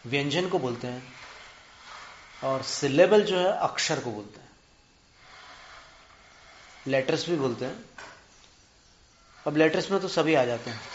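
A man teaching spelling and pronunciation, drawing out syllables slowly, counting them aloud and asking his students questions. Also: fairly high pitch, slight background noise. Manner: asks students rhetorical questions. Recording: muffled echoey room.

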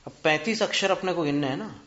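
A man teaching spelling and pronunciation, drawing out syllables slowly, counting them aloud and asking his students questions. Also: on the high side, a bit bright. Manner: asks students rhetorical questions. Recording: muffled echoey room.

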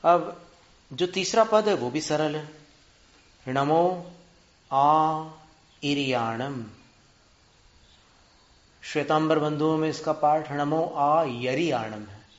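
A man teaching spelling and pronunciation, drawing out syllables slowly, counting them aloud and asking his students questions. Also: on the high side. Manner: asks students rhetorical questions. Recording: muffled echoey room.

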